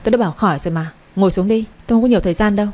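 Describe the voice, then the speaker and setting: A woman's voice: mid-range voice, rapid-fire, warm tone, lightly acted. A woman voicing a stern, domineering older mother who talks curtly and gives orders. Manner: curt, commanding, impatient.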